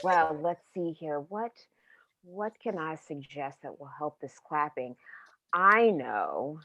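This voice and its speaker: A woman's voice: deep voice, lively intonation, slow, bright, forceful tone, no echo, exaggerated voice. A woman voicing a smug villain-turned-hero anti-masker in an improvised comedy scene, heard over a bad, lo-fi video call connection. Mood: scheming. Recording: dull lo-fi call audio, dry.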